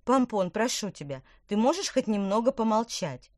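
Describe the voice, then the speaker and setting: A woman voicing an excitable young witch. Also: no echo, studio quality, close to an everyday voice. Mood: impatient. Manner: high, loud and insistent, chants spells slowly.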